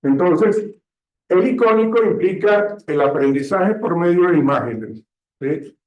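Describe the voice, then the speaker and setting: A man teaching a classroom lecture, often pausing to check understanding, recorded from a distance in a classroom. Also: high-pitched, animated. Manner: slow, checks understanding with frequent "¿sí?". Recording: echoey room, distant mic, dull sound.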